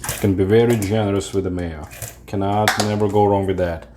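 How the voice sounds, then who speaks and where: Low-voiced man hosting a cooking show. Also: noisy background. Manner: relaxed, halting explanations with fillers. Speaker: cooking channel host. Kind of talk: home cooking tutorial. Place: home kitchen.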